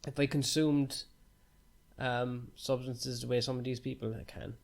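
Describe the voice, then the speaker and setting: A man's voice: mid-range voice, flat delivery, a little slow, gravelly, darkish tone. A man from Ireland co-hosting a podcast, chatting casually with dry, teasing banter and casual swearing. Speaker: podcast co-host. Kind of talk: casual chat.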